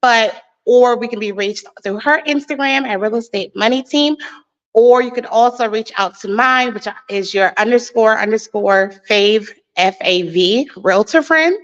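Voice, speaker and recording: A woman's voice: fairly high pitch, a little slow, dull audio. A woman real estate agent giving a walking tour of a house, chatty and a little nervous, slightly out of breath. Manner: chatty, nervous, laughs often.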